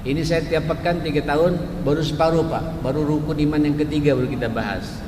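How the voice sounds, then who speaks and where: A man's voice: on the high side, fairly even intonation, a little fast. Man in his sixties preaching in an echoey mosque. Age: 60s. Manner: addresses listeners as Pak and jamaah often. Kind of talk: mosque sermon. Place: mosque hall. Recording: echoey mosque hall with noise.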